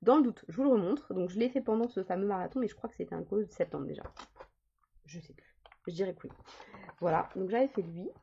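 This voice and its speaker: Husky-voiced woman chatting casually. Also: medium pitch, lively intonation, rapid-fire, few pauses. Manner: chatty, rambling with many fillers and restarts. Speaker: coloring vlogger. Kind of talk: casual chat. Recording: dull lo-fi sound.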